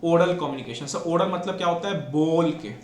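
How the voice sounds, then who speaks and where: A man's voice: fairly high pitch, brisk. A man teaching an exam-prep lecture, mixing Hindi and English and asking and answering his own questions. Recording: echoey room with faint noise.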